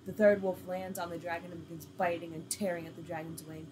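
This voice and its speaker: A woman's voice: lowish voice, little pitch movement, fast, noisy background. A woman reading an interactive story game aloud, with casual, laughing asides.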